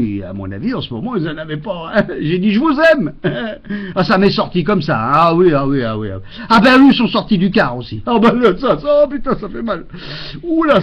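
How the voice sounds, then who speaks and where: A man's voice: high-pitched, slightly rough. A man doing a rambling, exasperated comic monologue into a webcam at home, full of fillers and mock rants. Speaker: comedian. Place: home, indoors. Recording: dull lo-fi webcam audio.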